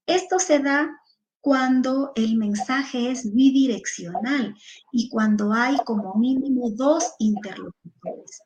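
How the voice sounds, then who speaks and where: A woman's voice: on the high side, a little mellow, muffled recording. A woman with a Peruvian Spanish accent giving a lecture to teachers, explaining things step by step and listing examples one after another, with fillers between them.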